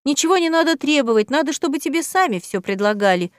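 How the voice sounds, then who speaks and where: Ironic, teasing young heroine, voiced by the woman reader, slightly high voice, dry close audiobook. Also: animated, quick pace, dry recording. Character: playful ironic young woman teasing her cat friend. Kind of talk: audiobook character voice.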